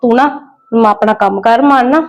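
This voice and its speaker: A woman plays a kindly middle-aged lady of the house in a family drama skit. She soothes and gently lectures in a slightly high, even voice. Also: normal speed, natural voice. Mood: soothing. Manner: soothing, gently scolding, preachy.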